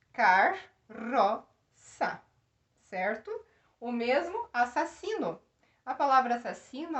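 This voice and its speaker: Slow, high-voiced woman teaching. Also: fairly bright tone. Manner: explains step by step, asking the class questions. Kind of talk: classroom grammar lesson.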